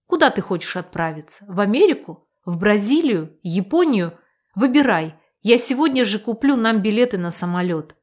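A woman's voice: medium pitch, lively intonation, normal speed, natural voice. Woman doing a young man, passionate, protective, earnest, audiobook. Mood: commanding. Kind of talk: audiobook character reading.

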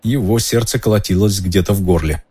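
A man narrating an audiobook in an expressive storytelling manner. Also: sits low, a little fast, slightly rough.

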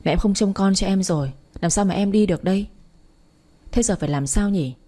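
A woman's voice: medium pitch, brisk, dark tone, natural voice. A woman voicing a spirited young mother in a story, pert and a little defiant.

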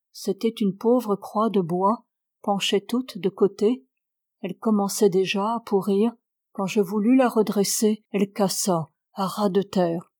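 A woman reading a novel aloud in a measured, even narration. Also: medium pitch, dry recording, clean studio sound. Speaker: audiobook reader.

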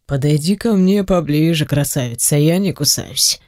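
A reader voicing a stern, quick-tempered wealthy father who speaks slowly and low. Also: darkish tone, no echo, clean studio sound, natural voice. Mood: measured. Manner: slow, low, weighty delivery.

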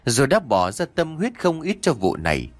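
Expressive male audiobook narrator. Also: mid-range voice, moderate pace, no echo. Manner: expressive storytelling. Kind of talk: scripted story narration.

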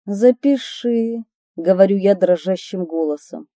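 A woman's voice: mid-range voice, unhurried, mellow, no room sound, clean studio sound. A woman reading her memoir aloud, telling the story expressively with a light ironic touch. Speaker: narrator of her own memoir.

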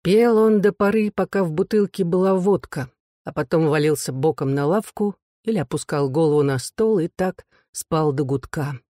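A narrator reading a classic novel in a steady, even storytelling manner. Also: mid-range voice, no room sound, clean studio sound. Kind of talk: audiobook narration.

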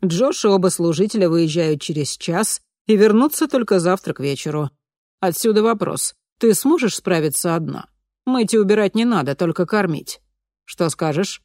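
Brief: a woman doing a domineering, heavyset older boss lady, brusque and pushy, slightly low and dry. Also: lively intonation, normal speed, a little mellow, no room sound, lightly acted. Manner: brusque, domineering, then panicky pleading. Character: bossy heavyset middle-aged woman, cruel sadist. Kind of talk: audiobook character reading.

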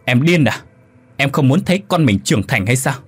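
A man voicing a dead husband's ghost who shouts stern rebukes in a told story. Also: mid-range voice, big pitch swings, normal speed, husky. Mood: angry.

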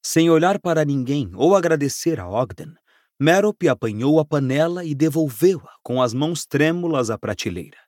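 A man reads a novel aloud with a lively, rising and falling delivery and a fairly high voice. His narration is dramatic and scripted, recorded close and dry. He leans into each scene as he tells it. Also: moderate pace, no echo. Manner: expressive, dramatic storytelling. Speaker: audiobook narrator.

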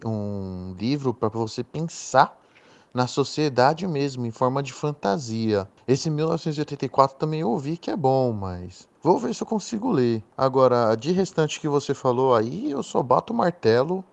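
A man from Brazil in a casual podcast discussion, speaking in a calm, earnest way. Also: mid-range voice, vocal fry, dry recording. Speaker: podcast co-host.

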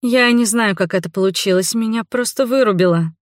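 A woman's voice: mid-range voice, a little fast, no echo, clean studio sound, voice pushed up, close to an everyday voice. A woman voicing a flustered, defensive young woman in an audiobook. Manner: indignant, flustered. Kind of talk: audiobook character voice.

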